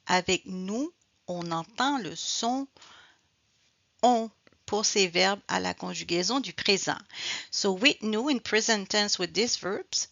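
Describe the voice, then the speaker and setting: Very slow, careful woman teaching French sounds. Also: mid-range voice, lively intonation, gravelly, a bit bright, no room sound. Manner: slow, careful, repeats each sound and word twice; switches between French and English explanations. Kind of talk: slow bilingual pronunciation lesson. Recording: dull, slightly lo-fi dry recording.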